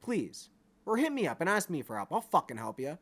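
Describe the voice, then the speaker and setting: A man's voice: on the high side, huge pitch swings, fairly quick, a bit bright. A man giving a blunt, profane monologue straight to his viewers, often checking in with "all right?". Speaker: vlogger. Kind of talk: unscripted monologue to camera.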